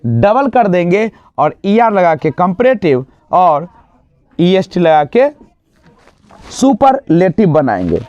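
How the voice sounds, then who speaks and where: A man teaching an exam-prep grammar lesson, asking the class questions and answering them himself, and drawing out example words slowly. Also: high voice, very animated, a little mellow, no room sound. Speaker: English teacher. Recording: dull, lo-fi dry sound.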